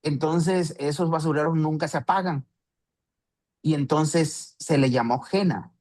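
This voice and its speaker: A man's voice: fairly high pitch, measured pace, a little mellow. Man teaching a Bible study, conversational. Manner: conversational, with rhetorical questions and restarts.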